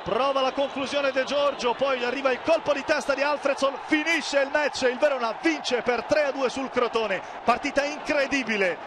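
Male football commentator, extremely high voice, breathless goal commentary, urgent shouted delivery, loud crowd behind. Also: steady tone, normal speed, few pauses, noisy background. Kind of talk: excited Italian goal commentary. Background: stadium crowd.

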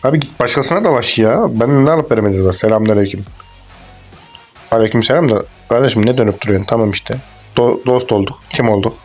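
Quick and mid-range, a young man's voice runs crude, joking commentary over his game, swearing and rambling as he goes. He's a gaming YouTuber, and music plays in the background.

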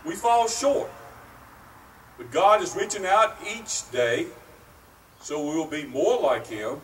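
A middle-aged man preaching a sermon at an outdoor pulpit beside a brick church, speaking slowly and earnestly with pauses, picked up by a distant camera microphone. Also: on the high side, lively intonation, a bit bright. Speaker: pastor. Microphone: far camera, at a wooden pulpit. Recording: distant outdoor mic, faint noise.

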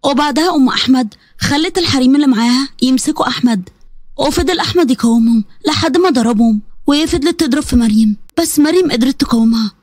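An Egyptian woman narrating a dramatic family story at a breakneck pace, in a high voice. Her sound is dry and close to the mic. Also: fast talker, a little mellow, dry recording. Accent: Egyptian Arabic.

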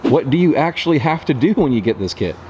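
A man's voice: on the high side, sing-song, fast, darkish tone, slight background noise. Man interviewing on a factory tour. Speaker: host interviewer. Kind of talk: interview questions and promo narration.

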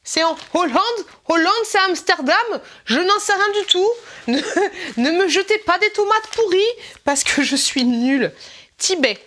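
A woman's voice: very high voice, expressive, unhurried, fairly bright tone. A woman vlogger chatting casually and giggling as she opens a swap package, exclaiming often. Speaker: YouTuber opening a swap package. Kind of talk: casual unboxing chat.

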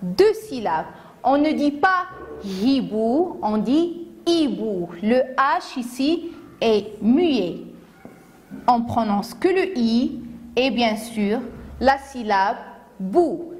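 A woman teacher with a Moroccan accent giving a phonics lesson to young children, saying each word slowly, syllable by syllable. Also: a little high, expressive. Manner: slow, deliberate, syllable by syllable. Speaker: primary school teacher.

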